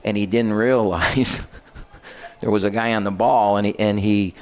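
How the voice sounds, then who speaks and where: Here the same kind of speaker, an older basketball head coach on the radio, wanders through his anecdotes in casual chat and keeps fixing his own words mid-story. The voice is lowish and steady in tone, unhurried and smooth.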